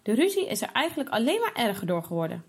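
A woman voicing a patient, firm mother who gently explains a lesson in a children's story. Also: fairly high pitch, sing-song, fast, breathy edge, full character voice. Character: calm, patient, wise mother.

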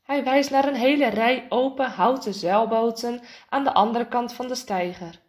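A woman reading a children's storybook aloud in a lively way, acting out the characters' lines. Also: moderate pace. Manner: lively, voices the characters' lines with raised pitch. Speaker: narrator.

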